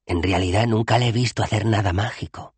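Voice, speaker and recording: A man voicing a timid, eager male tourist in an audiobook, talking in an animated, excited way. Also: on the low side, a little fast, husky, no room sound, voice pushed up. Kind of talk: audiobook character voice.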